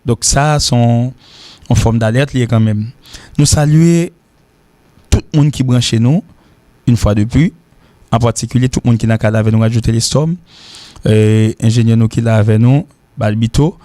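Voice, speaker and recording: A man's voice: medium pitch, dark tone, no room sound. Man teaching English drills. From Haiti. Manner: repeats words slowly for drills, mixes languages. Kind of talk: radio English lesson.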